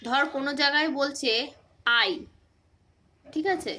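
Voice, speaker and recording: A woman with a high, bright voice leads a relaxed phonics lesson. She keeps asking short quiz questions and repeats the answers patiently. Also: measured pace. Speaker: teacher.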